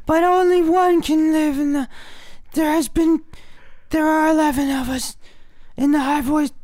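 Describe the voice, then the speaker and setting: A man putting on a shrill falsetto as a high-voiced club member in an improv comedy scene. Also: fairly even intonation, a little slow, a little mellow. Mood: solemn.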